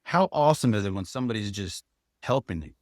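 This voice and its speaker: Low-voiced man, dry close sound. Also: fast, no echo. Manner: relaxed, candid, many restarts. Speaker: guest insurance agent. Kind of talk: podcast interview.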